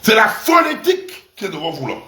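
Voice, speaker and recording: A man's voice: sits high, huge pitch swings, brisk, bright, forceful tone, roomy sound. A man delivering a crude, provocative rant that mocks his audience and repeats syllables for emphasis. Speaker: online commentator. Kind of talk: mocking rant to camera.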